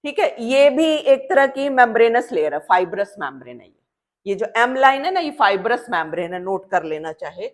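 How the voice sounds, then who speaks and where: Higher-voiced woman teaching biology. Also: very animated. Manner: asks students questions and answers them; drills terms slowly and repeats them. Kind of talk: classroom lesson with drawing.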